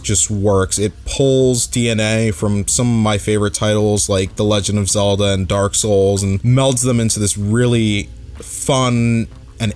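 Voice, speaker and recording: Reflective male podcast host, casual and conversational. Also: on the low side. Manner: reflective, conversational, thinking aloud. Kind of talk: casual solo podcast review.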